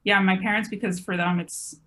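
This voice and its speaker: A woman in her twenties talks as a guest on a podcast. She rambles casually, circling back on herself and filling gaps with "like" and "um". Her voice sits at an ordinary middle pitch. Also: steady tone, a little fast, a bit bright. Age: 20s. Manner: chatty, rambling, many "like" fillers. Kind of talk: casual conversation.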